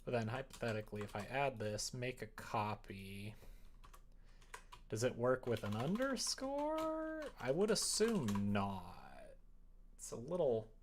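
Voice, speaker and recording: Coding a visual novel on stream, the host thinks out loud in a casual mutter, often leaving thoughts unfinished. The voice is mid-range and sing-song, at a measured pace. Keyboard typing and mouse clicks make the room noisy.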